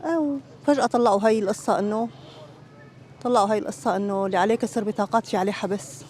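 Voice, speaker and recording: Very fast-talking middle-aged Syrian woman. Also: mid-range voice, a little mellow, a little hiss or hum. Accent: Syrian Arabic. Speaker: street interviewee. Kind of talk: casual personal interview. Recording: background music under voice.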